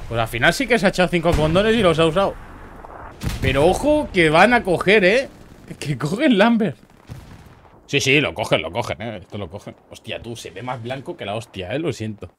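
A young man with a Murcian Spanish accent commentating gameplay clips, excitable, swearing and bursting into loud high yells. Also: brisk, slight background noise. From Murcia, Spain. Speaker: streamer reviewing viewer gameplay clips. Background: faint game gunfire.

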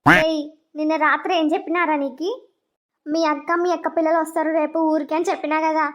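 A performer voicing a scolding grandmother in a cartoon, with a quick, nagging manner. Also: high-pitched. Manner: scolding, fast, flat sing-song. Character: scolding grandmother, mother of the household. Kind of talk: cartoon voice acting.

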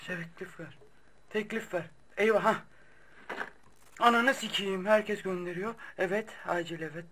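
A young man hosting his own gaming video, giving excitable live commentary while betting. He swears, pleads and shouts as the bets play out. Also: high voice, rough recording. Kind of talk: live gambling-site commentary.

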